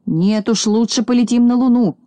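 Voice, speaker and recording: A hot-headed little boy from a storybook, bossy and quick to scold, put on by a woman reading aloud. He pitches up high and bright, with a mellow, soft tone. The voice is close and dry, with no room sound. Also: no echo, lightly acted. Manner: bossy, scolding, easily excited. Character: boastful, quick-tempered little boy shorty.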